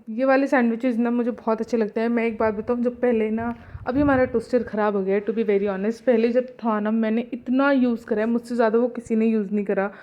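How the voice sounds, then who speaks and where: A woman's voice: on the high side, lo-fi sound. A young woman narrating her day in a casual home vlog, chatty and mixing in English words. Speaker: vlogger.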